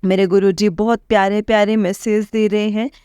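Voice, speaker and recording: A woman's voice: medium pitch, level tone, moderate pace, dark tone, clear, resonant tone, dry recording, studio quality. A young woman, earnestly and emotionally sharing her devotional experiences with listeners, often addressing them directly. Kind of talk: personal devotional testimony.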